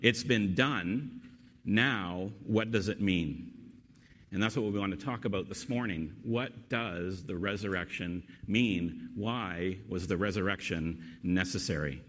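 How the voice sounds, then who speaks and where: A low-voiced male pastor delivers a sermon with earnest, rhetorical emphasis. He leans into each question he poses. His voice trails into a long church-hall reverb. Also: unhurried, fairly bright tone.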